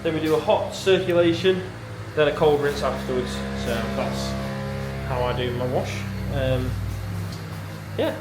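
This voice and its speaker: A dairy farmer talks casually into a handheld camera as he works in the milking parlour, rambling with lots of fillers and explaining what he's doing. His pitch is fairly high and his pace a little slow, with loud music and running milking machinery noisy behind him.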